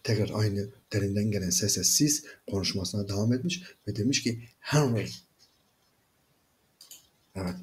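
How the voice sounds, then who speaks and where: A man's voice: lowish voice, a little fast, few pauses. A man reading an English story aloud and translating it, explaining with frequent "yani". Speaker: English teacher. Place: video lesson recording.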